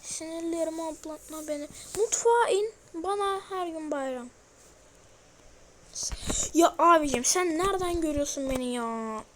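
A woman's voice: sits high, normal speed, long pauses, a little hiss or hum. A young woman playing a horror game, talking to viewers in a jittery, scared, exclaiming way. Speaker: gamer. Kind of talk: horror game let's play commentary.

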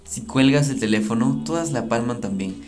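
A man's voice: mid-range voice, normal speed, a little mellow, soft background music, close to an everyday voice. A man reading a smug phone blackmailer. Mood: smug, taunting. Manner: taunting, smug, reads game text aloud. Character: sly scheming blackmailer on a phone call. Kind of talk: reading game dialogue aloud.

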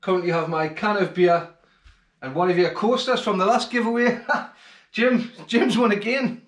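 A man's voice: high-pitched, steady tone, moderate pace. Man, fishing vlog host, casual thankful chatter, echoey home room, camera mic a few feet off. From England. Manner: chatty and grateful, plain-spoken. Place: home kitchen, then living room, indoors. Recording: roomy home acoustics.

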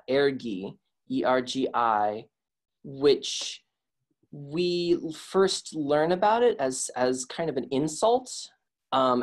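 A young man explaining an idea in a video call discussion, hesitant with many restarts. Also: medium pitch. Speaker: workshop participant. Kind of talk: casual discussion.

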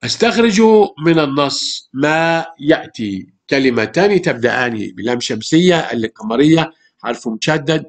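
Explaining grammar in a primary school classroom, this man with an Egyptian Arabic accent patiently repeats words and asks rhetorical questions. He speaks at a medium pitch and a moderate pace.

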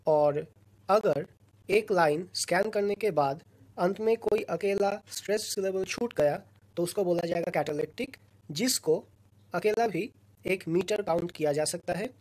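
Patient woman lecturer, low-pitched. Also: darkish tone, husky. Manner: patient, explanatory, pausing between phrases. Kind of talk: recorded lesson explaining a slide.

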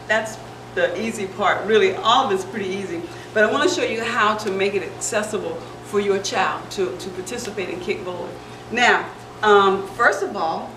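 A middle-aged woman gives a friendly, rambling how-to demonstration in a large indoor playroom. She stands well back from the camera's microphone, so her voice carries a roomy echo, with a steady hum of background noise under it. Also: medium pitch. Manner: friendly, chatty, restarts mid-sentence. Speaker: founder and director of a center for children. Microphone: camera microphone from across the room. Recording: echoey room heard from a distance.

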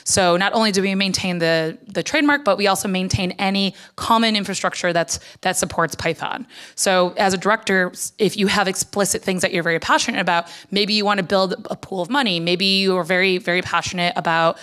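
A woman in her thirties gives an informal talk as a conference speaker. She talks into a handheld microphone on stage, with a middle-pitched voice. Her delivery is conversational and sprinkled with "like," addressed straight to the audience. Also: fairly quick, fairly bright tone. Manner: conversational, peppers speech with "like". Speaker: conference speaker, foundation director. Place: on stage at a conference hall lectern.

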